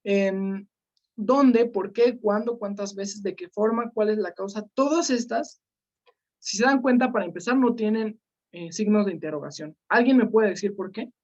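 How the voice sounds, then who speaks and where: A woman teaching an online class, calling on students by name and filling pauses with "este" and "eh". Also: mid-range voice, darkish tone. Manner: questioning students by name, many fillers. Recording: slightly dull lo-fi sound.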